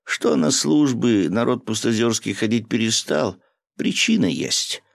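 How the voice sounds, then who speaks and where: A man's voice: medium pitch, measured pace, creaky, no room sound, clean studio sound, voice pushed up. A man voicing a timid, pleading village priest who wails and laments, in a storybook reading. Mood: plaintive. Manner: wailing, plaintive pleading.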